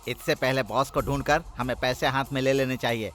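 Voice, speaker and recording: A man dubbing a brash comic henchman in a film, loud, bossy and quick with insults. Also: mid-range voice, steady tone, faint music behind, close to an everyday voice. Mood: scolding.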